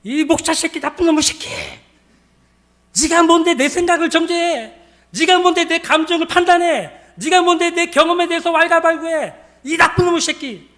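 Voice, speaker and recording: A male preacher acting out a brash middle-aged woman deacon who yells insults in a high, strained voice. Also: fairly quick, hardly any pauses. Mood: furious.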